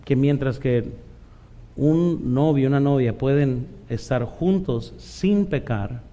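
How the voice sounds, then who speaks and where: A middle-aged pastor with a Mexican Spanish accent preaches a conversational sermon, frequently slipping in "¿verdad?" asides and acting out the voices of those he quotes. His voice is medium in pitch with a dark tone.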